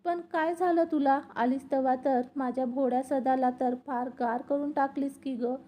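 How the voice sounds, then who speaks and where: A woman voicing a sad, kindly old village woman who consoles others in gentle rural speech. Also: high voice, fairly even intonation, moderate pace, lightly acted. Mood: consoling.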